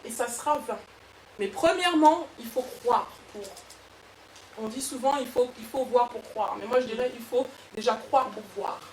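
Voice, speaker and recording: Woman, personal development coach, high voice, lively workshop talk, roomy echo, faint room noise. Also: normal speed. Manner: lively, animated, with many restarts. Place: event room with an audience. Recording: echoey room, far from mic.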